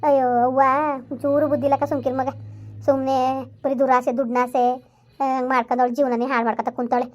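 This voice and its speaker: A woman's voice: high voice, level tone, brisk, a little mellow. A woman in a village comedy skit who pleads and complains. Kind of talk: village drama dialogue.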